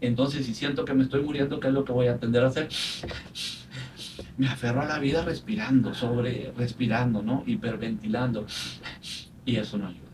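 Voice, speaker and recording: A man, a psychologist, calmly explaining anxiety in a podcast conversation. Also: medium pitch, fairly quick. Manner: calm, explanatory, retells patients' words. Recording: faint noise, distant from mic.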